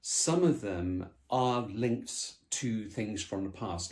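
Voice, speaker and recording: A man with a fairly low voice talks through his ideas on a podcast. He explains patiently and reflectively, often restarting his sentences mid-thought. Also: a little mellow. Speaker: podcast co-host. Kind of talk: conversational podcast discussion.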